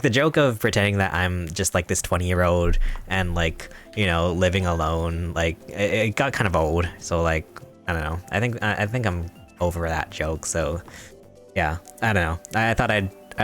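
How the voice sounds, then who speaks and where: A man's voice: low voice, a bit bright. A young man streaming a game live, chatting casually with his viewers in a rambling, giggly, playfully mock-serious way. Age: young adult. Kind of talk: casual live-stream chat while gaming.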